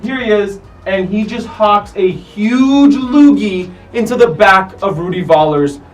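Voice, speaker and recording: Brief: male host, high-pitched and animated, off-mic slightly, music bed behind, casual soccer commentary. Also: measured pace, recorded from a distance, rough recording. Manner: animated, profane, acts out players' lines. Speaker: host of a soccer countdown show. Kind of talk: casual commentary over match footage.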